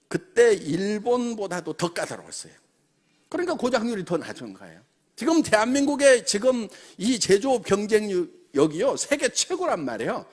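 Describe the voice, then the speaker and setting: A middle-aged man from the Jeolla region gives a motivational business talk to company members, animated and full of rhetorical questions. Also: very high voice. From Jeolla region, South Korea. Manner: animated, peppers speech with rhetorical questions and laughs. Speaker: company chairman addressing members.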